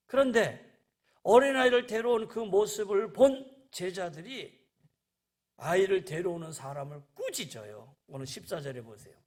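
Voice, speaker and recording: High-voiced Korean pastor preaching animatedly. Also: male voice. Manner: animated preaching, acts out disciples' and Jesus' lines. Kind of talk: sermon.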